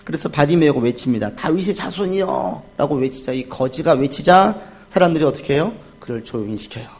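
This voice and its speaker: Korean pastor preaching with dramatic swings. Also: male voice, quick pace. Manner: swings from soft, low asides to loud, high cries when acting out the crowd and the beggar; asks the congregation questions and answers them himself. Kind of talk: sermon.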